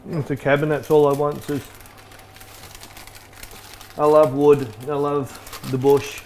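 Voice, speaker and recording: Aussie guy chatting while cooking, bit high-pitched, faint hiss behind. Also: little pitch movement, measured pace, darkish tone. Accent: Australian. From Australia. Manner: laid-back, rambling, laughs easily. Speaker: photographer hosting a live stream. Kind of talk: casual chat while cooking. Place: home kitchen in a wooden cabin.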